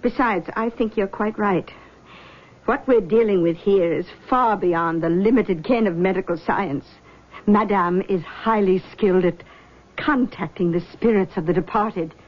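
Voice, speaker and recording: A woman playing a middle-aged, genteel mother in a drama, soothing and measured, with a subtly manipulative, coaxing manner. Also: mid-range voice, dull audio, natural voice. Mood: persuasive. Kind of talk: scripted drama acting.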